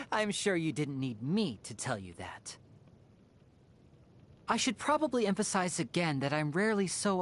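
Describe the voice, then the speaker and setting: Lively, playful young magician Lyney. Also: female voice, on the low side. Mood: teasing, confiding. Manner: theatrical, teasing, smooth showman. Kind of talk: video game character voice lines.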